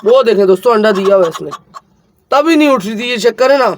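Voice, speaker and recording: A man's voice: extremely high pitch, quick pace, noisy background. A man vlogging about his pet hens outdoors on a phone camera, talking casually and chattily to his viewers. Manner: chatty, keeps addressing friends, excitable around the hen. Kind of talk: casual vlog commentary. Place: outdoors with chickens.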